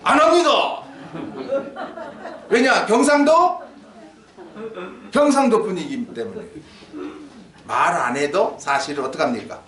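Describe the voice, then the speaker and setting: High, lively preacher. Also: male voice, measured pace, pauses often. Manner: animated, acts out little dialogues, quizzes the congregation. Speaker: pastor. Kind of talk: sermon. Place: church sanctuary. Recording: echoey hall, mic from a distance.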